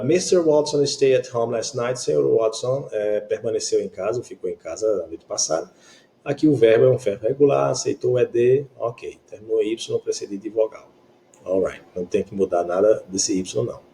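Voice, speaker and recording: Explaining English grammar in Portuguese, a Brazilian-accented man works patiently and keeps checking that his students understand. His voice is lowish, fairly quick, creaky and mellow, with slight background noise.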